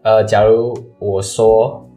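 A man's voice: fairly low pitch, little pitch movement, slow pace, warm tone, soft background music. A young man, chatting casually and explaining things at length with hesitant fillers. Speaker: podcast co-host, student. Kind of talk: casual chat.

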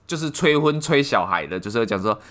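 A man's voice: mid-range voice, quick pace. A man, co-hosting a casual podcast chat and telling stories with lots of swearing and laughter. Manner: animated storytelling with frequent swearing and laughter. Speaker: podcast co-host.

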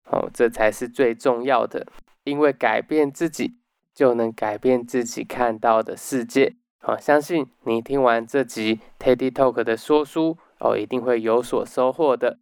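A man hosting a book summary talk, explaining step by step and dropping in soft "oh" particles. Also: mid-range voice, steady tone, unhurried, clean tone, no echo, clean studio sound. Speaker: podcast host.

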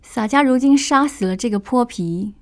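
A woman storyteller voicing a proud male swordsman who reasons calmly before losing patience. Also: fairly high pitch, pitched above the performer's own voice, close to an everyday voice. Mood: resolute. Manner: measured, reasoning. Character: proud male swordsman, restrained then angry.

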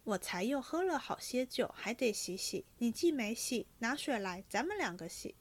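A woman reading aloud and voicing a moody, indulgent young nobleman in her own fast, fretful voice. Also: fairly high pitch, sing-song.

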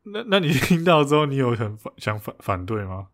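Recounting a fight with lots of laughter and many restarts, this male podcast co-host keeps the conversation casual. He talks fairly quickly in a very animated, mid-range voice.

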